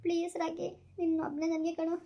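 A woman's voice: extremely high pitch, monotone, fast, warm tone, slight background noise. A woman playing a desperate young woman who pleads tearfully and keeps repeating herself in a village comedy skit. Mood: pleading, tearful. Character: desperate young woman betrayed by her lover.

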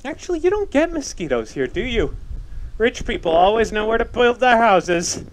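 A man's voice: very high voice, very animated, normal speed, slight background noise. A man acting in a stage play as a talkative, ironic suitor who rambles and interrupts himself. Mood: wry. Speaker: stage actor.

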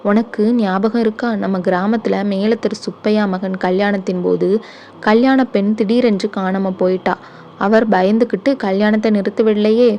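A woman voicing a stern, proud older brother who scolds and gives gruff orders, in an audiobook reading. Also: medium pitch, fairly even intonation, moderate pace, dark tone, lo-fi sound, slight background noise, lightly acted. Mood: scolding.

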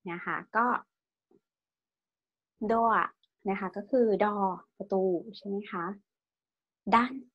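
A woman's voice: mid-range voice, dull audio. A woman teaching a language class, patiently asking her students questions and drilling their pronunciation. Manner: tag-questions every phrase with polite particles. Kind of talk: online language lesson.

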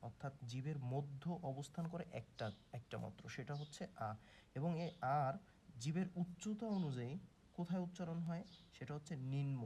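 A man's voice: fairly high pitch, darkish tone, a little hiss or hum. A man teaching grammar in a patient way, asking questions and answering them himself while sounding out vowels. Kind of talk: explanatory video lesson.

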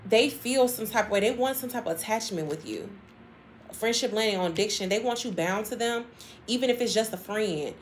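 A tarot reader gives her viewers a casual, chatty reading, speaking emphatically, repeating phrases, and laughing a lot. Her voice is slightly high and her pace brisk, with a bit of hiss or hum in the audio.

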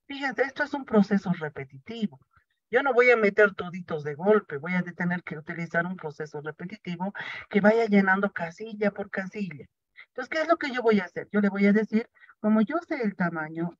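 A man's voice: high voice, lively intonation, moderate pace, fairly bright tone, dry recording. A man teaching programming in a lecture, explaining each step and answering his own questions. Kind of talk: classroom lecture. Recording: dry, dull lo-fi sound.

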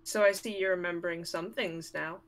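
A woman playing a guilt-ridden young woman who talks in an earnest, pleading, slightly halting way. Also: fairly low pitch, steady tone, close to an everyday voice.

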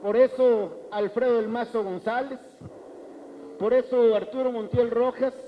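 A man's voice: very high-pitched, steady tone, measured pace, muffled recording, a little hiss or hum. A middle-aged Mexican man giving an emphatic political speech with a handheld mic in a large banquet hall, repeating phrases for effect. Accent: Mexican Spanish.

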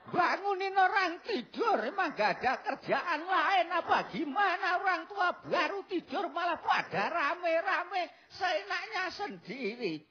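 A man voicing a grumpy old grandfather woken from sleep in a live puppet comedy, scolding slowly and crankily. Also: extremely high pitch, sing-song, bright, forceful tone, heavily acted. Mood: cranky. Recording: slightly dull live stage recording, crowd. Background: audience crowd.

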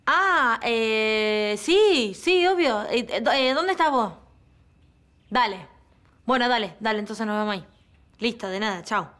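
A chirpy, high-voiced caller. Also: female voice, animated, a little slow, fairly bright tone. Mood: puzzled. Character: cheerful, chatty woman answering a phone call.

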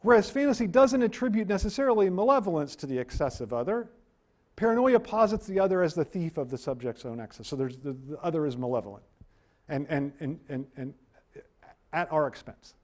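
A middle-aged man delivers a university lecture in a wood-paneled room, captured by a distant camera. He's animated and self-deprecating, his voice giving out, and he speaks briskly at a fairly high pitch.

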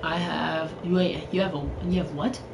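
A man chatting casually while gaming online with friends, urging his teammates on excitedly. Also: a little high, normal speed, creaky. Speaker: gamer playing online with friends. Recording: loud game noise under voice chat.

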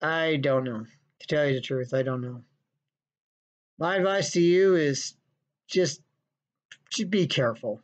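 A man's voice: on the high side, unhurried, long pauses. A man ranting in a sarcastic, scolding, profane vlog monologue from his basement. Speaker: vlogger. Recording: dull lo-fi recording.

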